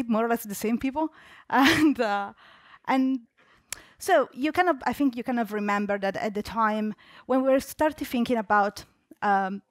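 A young Italian woman with an Italian accent speaks on a large, dark auditorium stage, her slightly high voice captured cleanly in studio sound with no echo. Her conference talk is conversational, full of fillers and restarts.

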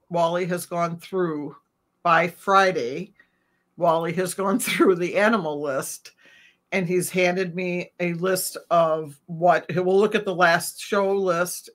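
A middle-aged woman on a video call from home, calmly explaining her routine step by step as an interview guest. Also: fairly low pitch. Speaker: reptile vendor guest. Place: home room. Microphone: webcam on a video call.

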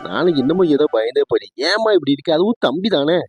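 A man's voice: on the high side, big pitch swings, quick pace, dull audio. A man voicing a grown son in a cartoon family skit, soothing his mother with mild exasperation.

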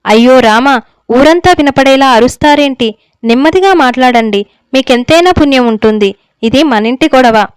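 A woman's voice: high-pitched, moderate pace, clear, resonant tone, no echo, lightly acted. A woman reading the lines of an anxious older mother who pleads with her husband for her son. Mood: pleading. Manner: pleading, tearful. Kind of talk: story reading.

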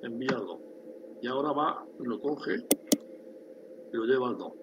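A man's voice: medium pitch, animated, normal speed. Man, screen tutorial narration, explanatory, faint background hiss. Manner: explanatory, addresses viewers with frequent "¿vale?". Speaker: instructor demonstrating a factory simulation. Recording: dull lo-fi sound with faint hiss.

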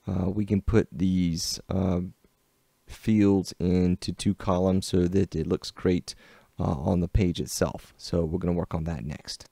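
Low gravelly Southern US man. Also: flat delivery, dark tone, no echo. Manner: unhurried step-by-step walkthrough. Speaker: web design instructor. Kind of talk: screen-recorded software tutorial.

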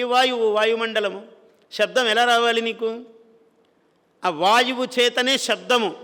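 A man from India, a spiritual speaker, gives a devotional discourse with a high-pitched, sharp voice trailed by long reverb. He chants verses, then explains them plainly, often posing a question and answering it himself.

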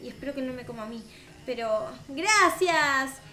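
With a high voice at a moderate pace, a young woman with a Rioplatense Spanish accent roleplays through a video game in an improvised chat. She's expressive and asks many questions, recorded in an echoey room with music behind her.

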